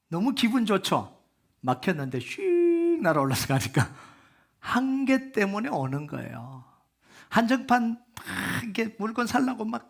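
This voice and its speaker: A male pastor delivers an animated sermon in a church, his voice sitting fairly high for a man. He keeps putting questions to the congregation. He drops into soft, low asides, then climbs to loud, emphatic peaks. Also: gravelly. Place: church sanctuary.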